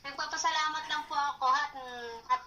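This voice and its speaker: A woman's voice: high voice, fairly even intonation, normal speed, pushed and bright, far from the mic, slight background noise. A woman on a phone call, answering politely and sounding startled and confused. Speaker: prank call recipient. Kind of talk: phone conversation.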